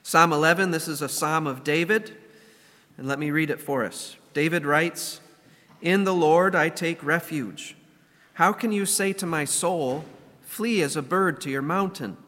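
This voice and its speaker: A man preaching as a pastor, his voice congested and stuffy from a cold, speaking in a measured, earnest way. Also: on the high side, sharp tone. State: getting over a cold. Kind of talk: sermon with prayer and scripture reading. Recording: long hall reverb.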